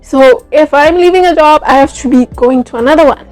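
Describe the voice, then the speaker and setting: A young woman, telling a personal story in a casual, animated vlog, full of fillers like "like" and "yo". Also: high-pitched, a little fast, faint music behind. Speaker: vlogger.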